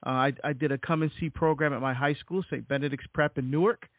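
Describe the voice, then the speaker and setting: Fast and fairly even in intonation, his voice a little high, the middle-aged Barbadian deacon and author narrates his story as an interview guest. Fillers and repetitions abound in this casual talk, captured as dry, tinny, phone-like audio without room sound.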